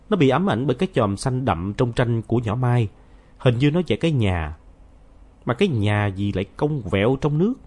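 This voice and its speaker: Brief: male audiobook narrator for a children's story; mid pitch, very lively intonation. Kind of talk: first-person story reading.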